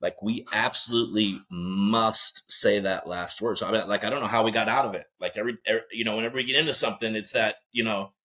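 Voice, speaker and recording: Blunt, animated husband on a podcast. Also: male voice, lowish voice, fast talker, hardly any pauses. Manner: blunt, animated, acts out little scenes. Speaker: podcast guest, host's husband. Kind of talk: candid conversation with his wife.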